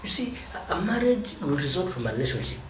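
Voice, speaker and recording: Speaking fast in a slightly high, sing-song voice, a Kenyan man offers marriage advice as a lesson. Key words get stressed and drawn out, and the noisy recording has a distant, roomy echo.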